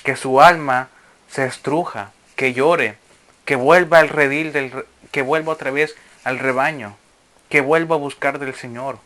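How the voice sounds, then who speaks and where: A man delivers a sermon-style Bible lesson in a bright, forceful voice. He reads passages aloud, then breaks off to explain them and put questions to his listeners. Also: mid-range voice, fairly even intonation, unhurried. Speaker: Bible teacher. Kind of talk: sermon teaching.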